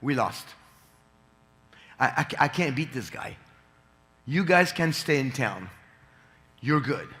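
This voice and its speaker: A man's voice: mid-range voice, big pitch swings, takes it slowly, long pauses, bright, forceful tone, heavily acted. A man voicing an exasperated old pope who blurts out that he has lost, speaking in a long-echoing hall. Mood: defeated. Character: exasperated old male pope conceding defeat. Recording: echoey conference hall.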